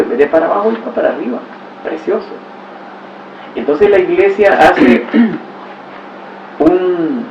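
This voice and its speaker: A fairly high-pitched man delivers a religious teaching talk, telling stories with exclamations and rhetorical questions. He is heard from a distance in a roomy space. The recording sounds dull and has a faint hiss. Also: vocal fry, a little mellow. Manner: storytelling with exclamations and rhetorical asides. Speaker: catechist.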